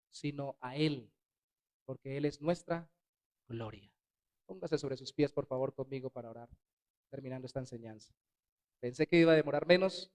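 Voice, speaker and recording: Animated preaching pastor with smooth voice. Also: male voice, fairly high pitch. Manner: animated preaching with sudden loud and soft swings. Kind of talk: sermon. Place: church sanctuary.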